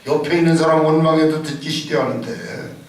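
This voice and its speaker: A man preaching a Sunday sermon as senior pastor, emphatic and dramatic, firing rhetorical questions at his congregation and sometimes shouting. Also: on the high side, steady tone, brisk. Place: church sanctuary. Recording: echoey hall, distant mic.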